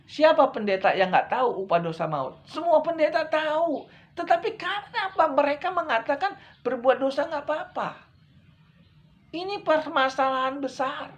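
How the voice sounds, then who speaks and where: A male evangelist preaching a sermon, repeating his points and swinging from loud, urgent lines to hushed ones, speaking straight to his listeners. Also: very high-pitched, expressive, normal speed. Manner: addresses listeners directly as brethren.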